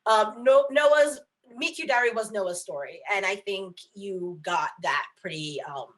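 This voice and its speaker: A woman author, appearing as a guest, talks candidly over a video call at a measured pace with a medium-pitched voice. She relies heavily on fillers and frequently starts over mid-sentence.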